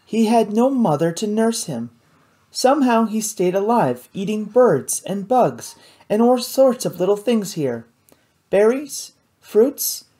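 A woman reading an audiobook, voicing an eager, impulsive young woman scientist with animated enthusiasm. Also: mid-range voice, takes it slowly, voice pushed up. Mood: enthused.

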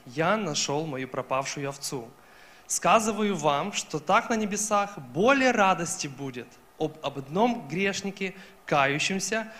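A man's voice: a little high, fairly bright tone. A young man reading scripture aloud into a handheld microphone on a stage. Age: young adult. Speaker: scripture reader. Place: stage in a large hall.

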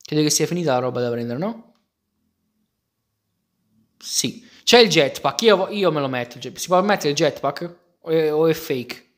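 A young man gives casual commentary while he plays a Minecraft game. He is excitable and keeps exclaiming to his viewers. His voice sits a little higher than most men's. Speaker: gaming youtuber.

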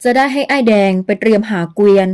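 A brisk young nobleman in an audio novel, curt, impatient and scolding, voiced by a woman reader. His voice stays mellow and even. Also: fairly high pitch, clear, resonant tone, natural voice.

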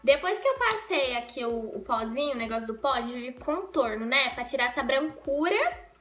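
A woman's voice: high-pitched, expressive, moderate pace. A young woman from Brazil chatting casually as she does her makeup at home, joking and rambling with self-corrections. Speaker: makeup vlogger. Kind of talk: casual get-ready-with-me vlog. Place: at home in a bedroom.

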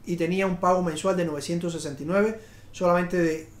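High-voiced man pitching home savings. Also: fairly even intonation, fast talker. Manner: rambling, restarts and fillers, upbeat sales pitch. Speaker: realtor and show host. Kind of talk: live video talk on home finance. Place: studio in front of a slide screen. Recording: echoey studio room.

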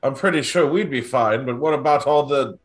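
A man in casual, improvised tabletop role-play, speaking in a hesitant, halting way. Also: mid-range voice. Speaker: tabletop game player.

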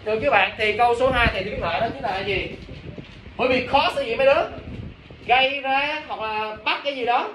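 A man's voice: very high-pitched, fairly quick. A man teaching a class, coaxing students and asking again and again whether they understand. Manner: coaxing, repeatedly checks understanding. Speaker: English teacher. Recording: roomy, distant classroom recording with noise.

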